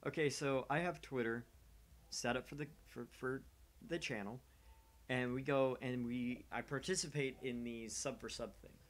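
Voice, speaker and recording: A man with a mid-range voice hosts a livestream for a small gaming channel, talking at a moderate pace. He rambles casually and conversationally, with a self-deprecating manner.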